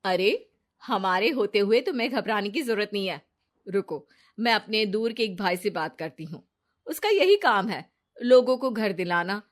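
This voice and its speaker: A woman's voice: mid-range voice, expressive, moderate pace, close to an everyday voice. A woman voicing a scheming, jealous young woman who talks in a sly, pushy way.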